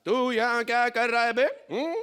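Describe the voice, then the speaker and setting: A man's voice: very high voice, normal speed, pushed and bright, smooth. A man playing a swaggering, boastful male film star who drawls and teases, ending lines with "hmm?", in a stage comedy sketch.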